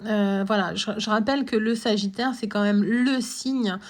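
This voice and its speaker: A woman's voice: mid-range voice, normal speed. A woman talking through a spiritual guidance reading, hesitant, with many fillers and restarts. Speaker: tarot and oracle reader.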